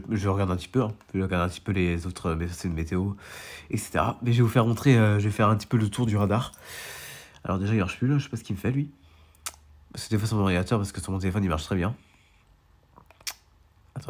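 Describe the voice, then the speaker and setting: A young storm chaser and weather vlogger, nose stuffed up from a cold, rambles through a weather radar on a screen share and complains about being sick. His voice sits fairly low with a darkish tone, and he's repetitive and keeps restarting.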